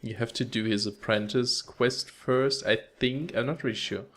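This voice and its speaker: A man's voice: medium pitch, steady tone, normal speed, a bit bright. A man hosting a let's play, chatting casually and upbeat as he plays, with rambling asides. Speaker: gaming channel host.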